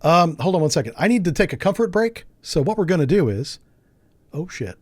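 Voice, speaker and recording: A man streaming a game, chatting casually with his viewers, joking, laughing often and thinking out loud. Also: on the high side, sing-song, brisk, no echo. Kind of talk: casual live gameplay commentary.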